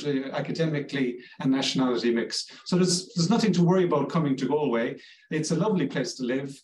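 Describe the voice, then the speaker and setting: A man's voice: mid-range voice, roomy sound, recorded from a distance, low-quality recording. A man from Cork with an Irish accent, a language school director chatting reassuringly in an interview with many restarts. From Ireland, Cork. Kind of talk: promotional interview answers.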